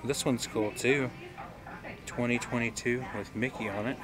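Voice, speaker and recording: A man's voice: medium pitch, fairly even intonation, moderate pace, music in the background. Chatty man filming a shop tour. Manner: chatty, points things out as he films. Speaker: vlogger. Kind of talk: casual walk-through vlog. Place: indoor gift shop.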